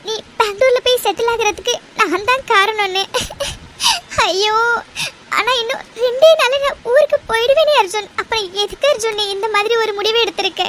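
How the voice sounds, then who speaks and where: A woman voicing a high, guilt-ridden young woman. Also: moderate pace, a bit bright. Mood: tearful. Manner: anxious, tearful. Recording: noisy recording with clicks.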